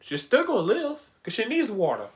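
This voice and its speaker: Animated man, echoey room. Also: very high-pitched, a little fast. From Louisiana, US. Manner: slangy, animated, acts out imagined exchanges. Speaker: reaction video host. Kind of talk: casual reaction commentary.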